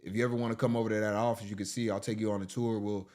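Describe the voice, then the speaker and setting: A man's voice: on the low side, little pitch movement, very fast, darkish tone, close to an everyday voice. A man doing a bragging fake landlord. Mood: boastful. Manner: rambling, name-dropping brag. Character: boastful smooth-talking male property scammer.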